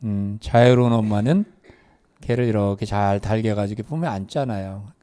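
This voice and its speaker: A man's voice: lowish voice, brisk, dark tone, clean tone. A man lecturing a live meditation class, asking the audience questions and leading them through exercises. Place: meditation hall.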